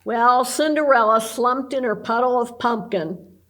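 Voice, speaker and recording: A librarian woman reading a picture book aloud at storytime, clear and expressive. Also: on the high side, a little slow.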